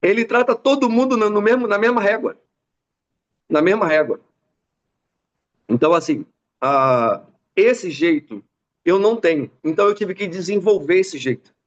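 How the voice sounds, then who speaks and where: A man's voice: high voice, highs cut off. A Brazilian man giving a motivational business mentoring talk, telling stories and acting out the people in them. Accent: Brazilian Portuguese. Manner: animated storyteller acting out dialogue.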